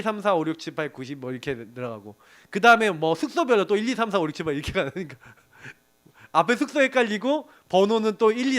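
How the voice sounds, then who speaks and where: A middle-aged man preaching to a young adults group, telling animated stories and often laughing. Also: high voice. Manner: animated storytelling with laughs and acted quotes. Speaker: pastor.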